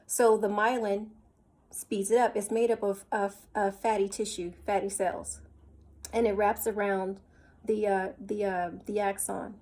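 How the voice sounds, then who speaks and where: Female lecturer, mid pitch, talks through slides step by step, repeats herself, frequent um and uh. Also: flat delivery, unhurried, darkish tone. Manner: explains step by step, repeats points, many fillers and restarts. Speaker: teacher. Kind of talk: recorded lecture over slides.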